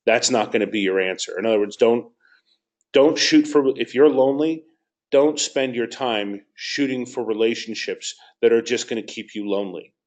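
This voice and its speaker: A man's voice: medium pitch, moderate pace, a little mellow. Man in a teaching Q&A. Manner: conversational, repeats key points for emphasis. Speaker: course director. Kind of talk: live Q&A teaching session.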